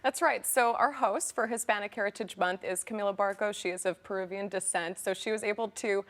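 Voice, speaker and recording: A woman's voice: mid-range voice, fairly quick, a bit bright. A young woman reporter from California, a guest on a studio talk show, speaking in an enthusiastic, polished way. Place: TV studio set. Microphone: lapel mic.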